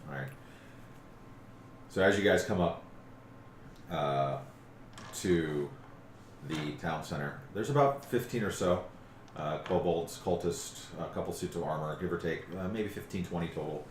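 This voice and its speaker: A man's voice: sits low, moderate pace. A man running a tabletop game as game master, narrating casually. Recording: echoey room, faint background noise.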